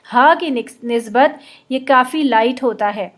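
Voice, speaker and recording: A woman teaching Arabic letter sounds, explaining patiently and drawing out slow model pronunciations. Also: fairly high pitch. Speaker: Quran recitation teacher. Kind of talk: instructional explanation with slow demonstrations.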